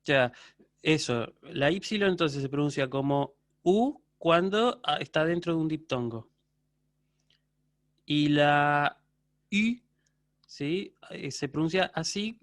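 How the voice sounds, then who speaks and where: A university lecturer with an Argentine Spanish accent teaches a class online. His voice sits a bit high for a man and sounds close and dry. He explains patiently and keeps checking that his students are following. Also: a little slow, dry recording. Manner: answers student questions live.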